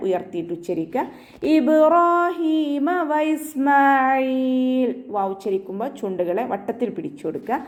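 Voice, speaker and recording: Woman teaching Quranic recitation. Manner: patient step-by-step instruction, softly ending phrases with "ട്ടോ"; chants verses slowly in a drawn-out, higher recitation voice. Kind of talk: online tajweed lesson.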